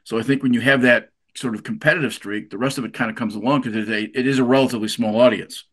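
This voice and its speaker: Fast-talking man hosting a sailing show. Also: mid-range voice, fairly even intonation, a bit bright. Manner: chatty, repeats words while thinking. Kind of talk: casual interview. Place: marina.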